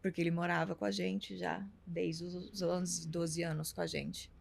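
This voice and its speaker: A woman's voice: lowish voice, little pitch movement, unhurried, vocal fry. A middle-aged woman, telling a personal story as a talk show guest and acting out the dialogue. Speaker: interview guest.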